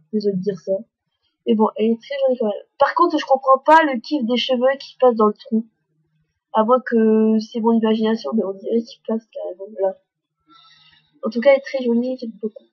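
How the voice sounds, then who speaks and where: A woman's voice: fairly high pitch, no room sound, highs cut off. A woman reading a dating game's dialogue and narration aloud in a casual way, stumbling and stopping to comment on the pictures. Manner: casual, stumbles and restarts, self-mocking. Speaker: fan dubber reading a visual novel.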